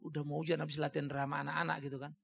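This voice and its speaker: A man voicing a worried woman Sunday school teacher in a sermon story, speaking low and quiet with a gravelly edge. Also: little pitch movement, rapid-fire, slight background noise. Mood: fretful.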